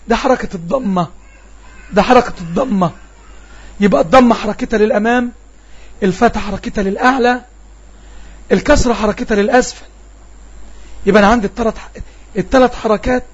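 A man's voice: very high-pitched, slightly rough, lo-fi sound. A man with an Egyptian Arabic accent teaches an online Arabic lesson, patiently repeating sounds and quizzing his students.

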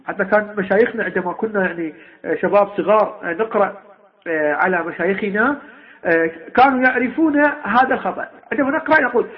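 High-voiced man teaching recitation. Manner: halting, with frequent drawn-out filler sounds; slowly sounds out letters to demonstrate them. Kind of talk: recorded lesson on recitation. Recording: dull lo-fi recording.

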